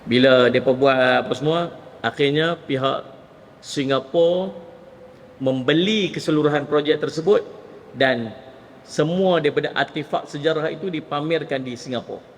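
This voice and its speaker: A Malaysian man with a northern Malay accent giving a lively mosque lecture, often addressing his audience directly. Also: a little high, moderate pace. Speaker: Islamic preacher. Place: mosque hall. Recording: long reverb of a mosque hall.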